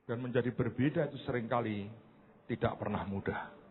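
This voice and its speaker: A male pastor preaching a sermon, animated, swinging from loud to quiet and acting out little dialogues. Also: medium pitch, fairly quick, slight background noise. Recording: phone-like narrow sound.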